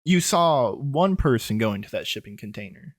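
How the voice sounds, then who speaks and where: A man's voice: medium pitch, lively intonation, normal speed, dry recording, clean studio sound. A man running a tabletop horror game as game master, narrating with lots of fillers and loose, rambling phrasing. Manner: rambling, filler-heavy, chuckling.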